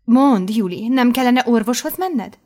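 A woman's voice: fairly high pitch, lively intonation, darkish tone, pitched above the performer's own voice. A woman voicing a fussy, condescending female history teacher in an audiobook. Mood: patronizing. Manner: patronizing, mock-concerned. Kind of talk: audiobook character voice.

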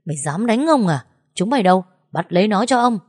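A woman's voice: lowish voice, lively intonation, brisk, breathy edge, no room sound, studio quality. Woman voicing a brutish bullying young master. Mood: enraged. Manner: shouting threats, then stammering pleas.

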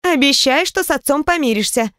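Woman doing a lively bossy stepmother. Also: high-pitched, brisk, dry recording, clean studio sound, pitched above the performer's own voice. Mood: indignant. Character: lively, bossy, caring middle-aged stepmother.

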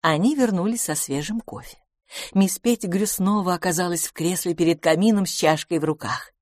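A woman narrating an audiobook in an expressive storytelling manner. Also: lowish voice, brisk, no room sound, clean studio sound.

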